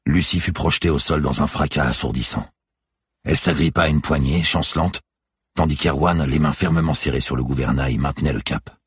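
Brief: very low, gravelly male reader with a husky edge, dry close mic, somber thriller narration. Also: fairly quick, no room sound. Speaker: audiobook narrator.

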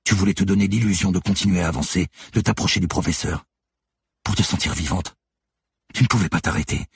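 A man's voice: low-pitched, fairly quick, gravelly, slightly rough, no echo, studio quality, heavily acted. A man voicing a relentless woman police detective who lays out her accusations steadily and methodically in an audiobook. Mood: accusing, cold. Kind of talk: audiobook character voice.

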